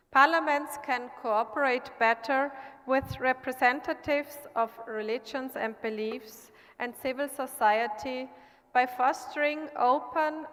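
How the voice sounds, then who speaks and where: A woman from Austria who sits in parliament, giving an earnest, measured prepared speech at an assembly. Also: a little high, a bit bright. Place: large assembly hall. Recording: long hall reverb.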